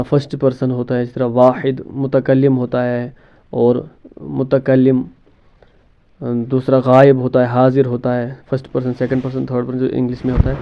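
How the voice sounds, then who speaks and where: Brief: male teacher, mid-pitched voice, patient repeat-and-quiz delivery, muffled lo-fi recording. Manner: asks a question then answers it himself; repeats terms, mixes in English words. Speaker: Arabic grammar teacher. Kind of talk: classroom-style lesson explanation.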